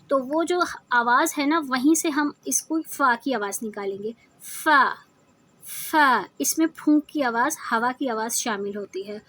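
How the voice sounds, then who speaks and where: A woman's voice: sits high, a bit bright. A woman teaching a tajweed lesson, patiently explaining how each letter is formed and demonstrating the sounds aloud. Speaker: Quran recitation teacher.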